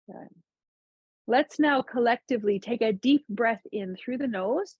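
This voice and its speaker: Calm woman guiding chair yoga. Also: on the high side, unhurried, husky, no room sound, highs cut off. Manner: calm, gentle guiding cues. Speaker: yoga instructor. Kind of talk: guided chair yoga instruction.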